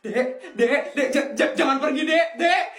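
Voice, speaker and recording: A woman's voice: sits high, lively intonation, normal speed, fairly bright tone, reverberant. Woman playing a stammering, fawning shop clerk. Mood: flustered, pleading. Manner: stammering, nervous laughter.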